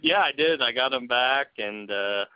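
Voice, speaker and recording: A man's voice: mid-range voice, moderate pace, smooth, no echo. A man who hosts a podcast, chatting casually with his guest and laughing often as he retells the story, on a dull lo-fi recording. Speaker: podcast host. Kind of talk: casual interview chat.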